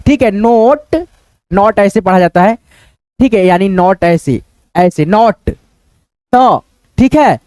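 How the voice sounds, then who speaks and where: Patient woman teacher spelling words slowly. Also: high-pitched, darkish tone, no echo, studio quality. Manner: spells letters out, then repeats each word slowly; patient, repetitive, asks and answers own questions. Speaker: English teacher. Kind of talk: beginner reading lesson.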